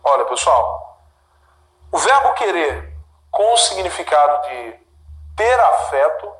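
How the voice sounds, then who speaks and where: A man's voice: on the high side, reverberant, low-quality recording. A man with a Brazilian Portuguese accent teaching grammar in a video lesson, talking to viewers and repeating key terms.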